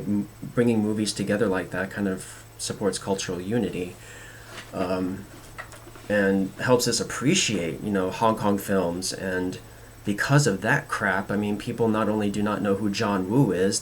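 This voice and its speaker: A man hosting a film commentary show, talking casually and earnestly with strong opinions in a halting, rambling way. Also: fairly low pitch.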